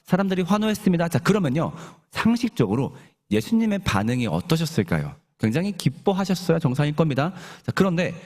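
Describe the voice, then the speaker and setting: A male pastor preaching a sermon in a church, animated and often asking the congregation questions. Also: a little high, quick pace.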